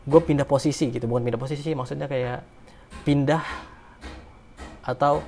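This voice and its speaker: A man's voice: mid-range voice, steady tone, moderate pace, gravelly, warm tone, a little hiss or hum. Man, casual emotional storyteller, rambling and slangy.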